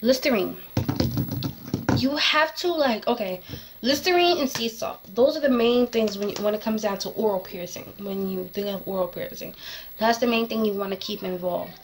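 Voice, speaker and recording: A woman's voice: medium pitch, normal speed, noisy background. A young woman chatting casually to camera in a rambling, distracted way, correcting herself, with slightly slurred, lisping speech from a tongue piercing. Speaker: vlogger. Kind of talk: casual advice chat to camera.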